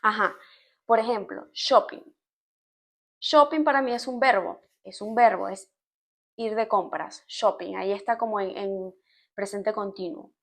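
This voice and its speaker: A woman from Venezuela with a Venezuelan accent, chatting to camera in an expressive, explaining way, with laughs. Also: medium pitch, measured pace. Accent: Venezuelan Spanish. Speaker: vlogger. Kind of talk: casual storytime chat to camera.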